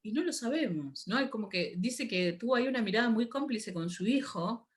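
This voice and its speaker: A woman, speaking as an interview guest in a casual conversation, telling stories with lively energy and frequent laughter. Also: fairly high pitch, fairly quick. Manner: animated storyteller, laughs often, mimics voices.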